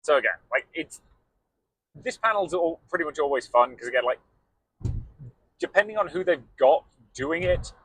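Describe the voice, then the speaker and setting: A man co-hosting a podcast, relaxed and rambling in casual chat. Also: fairly high pitch, moderate pace, long pauses, slightly rough, poor audio. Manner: relaxed, rambling with fillers like "um" and "you know". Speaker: podcast co-host.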